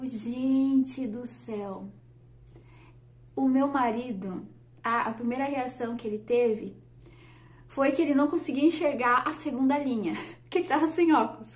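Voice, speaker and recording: A woman, telling a personal story on her vlog in a chatty, lively way and laughing often. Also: high voice. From Brazil. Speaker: vlogger. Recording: echoey room.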